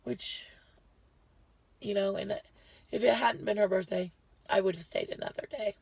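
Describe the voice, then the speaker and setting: A woman talks to her viewers in a loose, chatty way, circling back and correcting herself as she goes. Her voice is heavily gravelly and husky, with a slight shortness of breath. The sound is close and dry. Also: mid-range voice, unhurried, a little mellow, no room sound. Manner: chatty, rambling, self-correcting. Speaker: lifestyle vlogger. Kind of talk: casual health update to viewers.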